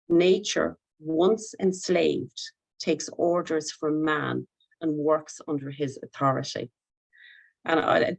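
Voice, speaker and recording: A woman with an Irish accent, a psychologist giving a gentle, reflective talk over a video call, often pausing with ums and correcting herself. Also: low voice, creaky, low-quality recording. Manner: gentle, hesitant, many ums and self-corrections.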